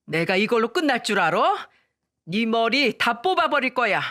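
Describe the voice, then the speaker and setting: A woman's voice: a little high, sing-song, normal speed, sharp tone, voice pushed up. A woman doing a furious scolding mother-in-law. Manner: harsh scolding. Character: furious middle-aged mother-in-law, sharp-tongued.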